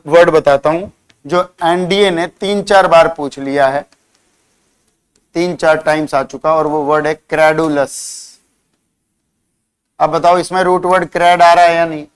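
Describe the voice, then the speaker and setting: Man teaching a lively vocabulary class. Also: a little high, clean tone. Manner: drills words by spelling them out and quizzing students; teasing, scolding banter with students. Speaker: English teacher.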